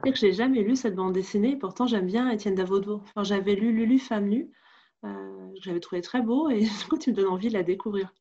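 A woman's voice: medium pitch, fast talker, mellow, breathy edge, lo-fi sound. A woman with a French accent hosting a podcast and chatting casually about books. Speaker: podcast host. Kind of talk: casual book discussion.

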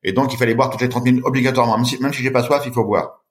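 A man's voice: medium pitch, rapid-fire. A middle-aged man telling a story with animation as a podcast guest, acting out the voices of the people in it. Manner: lively, acts out voices in his story. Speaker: guest, long-distance swimmer.

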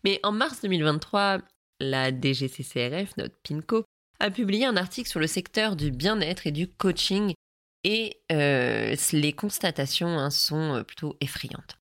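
A woman's voice: sits low, lively intonation, measured pace, a bit bright, no room sound, clean studio sound. A woman hosting a podcast, sarcastic and a little tired, commenting casually and reading aloud while translating. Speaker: podcast host.

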